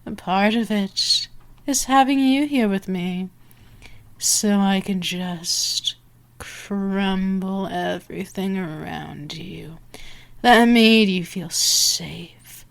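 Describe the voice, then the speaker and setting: Very slowly, with vocal fry in her mid-range voice, a woman voices a coldly possessive vampire mistress for ASMR. Her murmured and whispered delivery stays teasing, menacing and condescending throughout.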